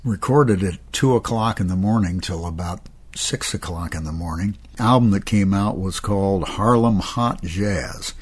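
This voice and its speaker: An older man, a jazz musician, reminiscing in an anecdotal way with a husky voice. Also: low-pitched, unhurried.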